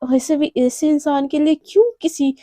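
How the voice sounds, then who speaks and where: A woman voicing a sharp-tongued young college woman in a told story, scornful and cutting. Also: high voice, steady tone, normal speed, no echo, clean studio sound, lightly acted.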